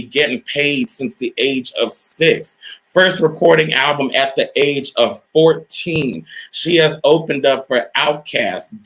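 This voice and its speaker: A man's voice: mid-range voice, fairly bright tone. A man hosting a casual live-stream interview, hyped and repetitive, calling out to viewers as y'all. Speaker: host.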